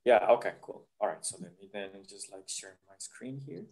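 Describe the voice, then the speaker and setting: A man's voice: lowish voice, animated, normal speed, creaky, a little mellow. A man from Colombia, a career counsellor presenting an online webinar over a video call, earnest and chatty, dotting his talk with "yeah?" and "right?".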